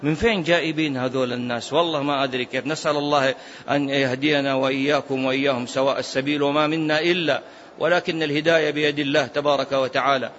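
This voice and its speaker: A man's voice: mid-range voice, steady tone, fast talker, a bit bright, muffled recording. A man giving a religious lesson as a preacher, emphatic and rhetorical, sometimes chanting phrases. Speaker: Islamic preacher.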